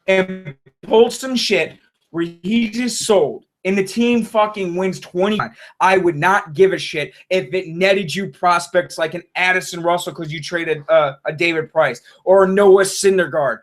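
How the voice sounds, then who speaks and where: High-voiced man on a swearing fan rant. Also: unhurried. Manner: frustrated, heavy swearing, repeats himself. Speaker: sports fan vlogger. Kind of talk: profane fan rant to camera.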